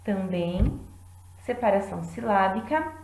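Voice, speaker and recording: Slow, clear-speaking teacher woman, echoey room. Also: mid-range voice, lively intonation, darkish tone, slight background noise. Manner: clear, deliberate, claps out syllables. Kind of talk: classroom lesson.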